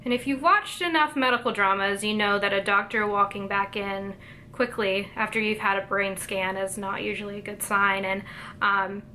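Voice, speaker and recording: A woman's voice: medium pitch, steady tone, moderate pace, sharp tone, a little hiss or hum. Young woman telling a hard story. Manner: hesitant, many fillers, emotional. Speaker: vlogger. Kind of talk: personal storytelling.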